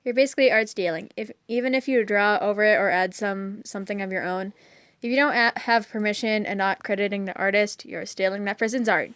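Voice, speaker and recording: Young woman, mid-pitched, casual co-host, easily distracted, dry close sound. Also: steady tone, a little fast, a bit bright, clear, resonant tone, no echo. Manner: distracted, breaks off mid-list. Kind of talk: casual chat reading a list.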